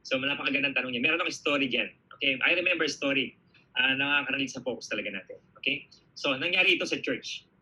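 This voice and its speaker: A man's voice: medium pitch, fast talker, slightly rough, rough recording. A man with a Filipino accent giving a motivational talk to an audience, telling stories with lots of energy and checking in with "okay?" as he goes. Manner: energetic, animated storytelling, frequent "okay?" check-ins. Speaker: business speaker answering audience questions.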